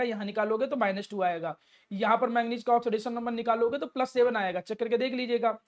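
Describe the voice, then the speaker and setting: A woman teaching a chemistry lesson step by step, asking and answering her own questions and affectionately addressing the student. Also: a little high. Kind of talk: classroom lecture.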